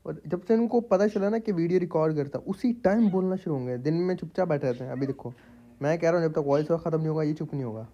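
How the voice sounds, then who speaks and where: A man's voice: a little high, fast, dark tone, muffled recording. A man doing a casual, jokey gameplay voice-over for his channel at home, talking straight to his viewers. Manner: chatty, jokey, addresses viewers as public. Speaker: gaming YouTuber. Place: home room with pet parrots.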